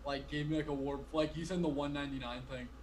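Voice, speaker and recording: A young man of about twenty guests on a podcast, chatting casually from his bedroom over a video call, rambling with lots of filler and often breaking off mid-sentence. His voice is fairly high and a little mellow, with a steady tone and a fast pace. There's slight background noise.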